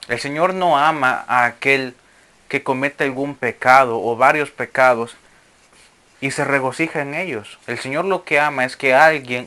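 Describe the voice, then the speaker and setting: Man, sermon teaching, bright forceful voice, reads scripture then explains, asks questions. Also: mid-range voice. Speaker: Bible teacher.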